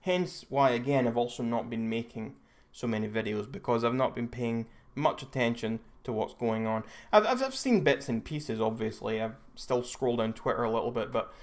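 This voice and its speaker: Casual and rambling, a young Scot hosting a live stream keeps backtracking and correcting himself as he chats. He speaks at medium pitch and normal speed.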